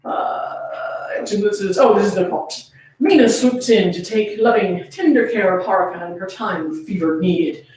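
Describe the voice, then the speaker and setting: Medium-pitched and a little mellow, her voice moves at normal speed as she hosts a fan fiction reading. Playfully cursing, she alternates casual teasing with dramatic read-aloud, recorded at a distance from the mic in a very echoey indoor room with a tripod-mounted camera.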